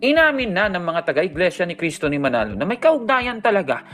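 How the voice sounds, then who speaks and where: Earnest female host with a lively, varied pitch, speaking directly to viewers; faint music underneath. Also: brisk. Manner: earnest, addresses viewers as brethren. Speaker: host of a religious fact-check show. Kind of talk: scripted rebuttal commentary.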